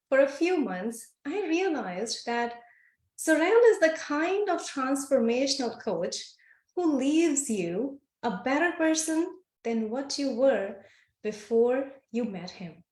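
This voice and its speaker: A woman's voice: high-pitched, expressive, takes it slowly, echoey room. A woman hosting a podcast, introducing her guest with effusive praise. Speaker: podcast host.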